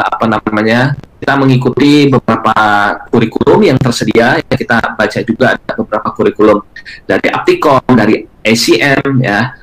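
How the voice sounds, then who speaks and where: A man's voice: mid-range voice, fairly bright tone, poor audio. A man presenting a live online webinar, talking in a hesitant way with many filler sounds and polite address to the audience. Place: online video conference.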